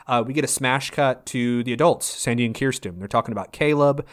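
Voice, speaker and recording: A man co-hosting a casual podcast, trading jokes with friends and reading out a playful, punchy episode intro. His voice sits at an ordinary middle pitch. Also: a little fast. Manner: playful, jokey scripted intros. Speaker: podcast co-host.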